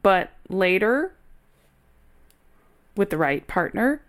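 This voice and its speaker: A woman's voice: medium pitch, big pitch swings, slow. A woman co-hosting a podcast, talking candidly in a casual chat and laughing easily. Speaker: podcast co-host.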